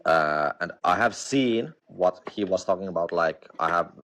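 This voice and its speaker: A man with a very low voice speaks English with a Finnish accent. His speech is halting, full of restarts and searches for words. He talks casually as a guest on a livestream. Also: a bit bright. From Finland. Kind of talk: casual chat.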